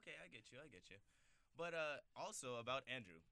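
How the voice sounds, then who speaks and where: A man's voice: mid-range voice, very animated, brisk, bright, forceful tone. A man hosting a casual interview show, chatty and loose, often hunting for the right word. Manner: loose, chatty, searches for words. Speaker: show host.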